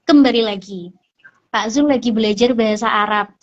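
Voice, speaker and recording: A woman speech therapist calmly explaining child speech development on a hospital talk show, with frequent fillers. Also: a little high, moderate pace, muffled recording.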